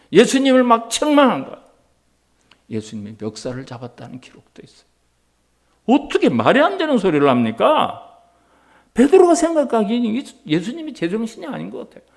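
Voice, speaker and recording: Male pastor, sermon, dramatic delivery, hushed to loud, gravelly edge, high voice.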